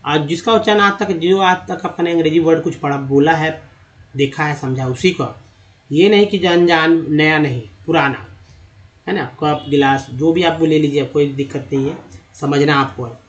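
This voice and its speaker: Man, English teacher, sounds out words slowly, higher pitch, muffled lo-fi recording. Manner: slow, spelling out words sound by sound. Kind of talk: explaining a lesson.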